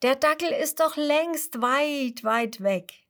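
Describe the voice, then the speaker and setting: A woman voicing a cheerful male butterfly in a children's story, warmly inviting. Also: sits high, slow pace, voice pushed up, full character voice.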